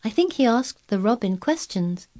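A woman's voice: fairly high pitch, animated, moderate pace, mellow, voice pushed up, close to an everyday voice. A woman reading aloud, voicing a blunt, contrary girl who speaks earnestly and stubbornly. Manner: obstinate, earnest, eager describing.

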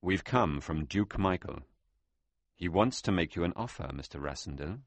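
A man voicing a cold, calm henchman who speaks softly and in a measured way. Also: low voice, no room sound. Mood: coaxing. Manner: soft-spoken, measured.

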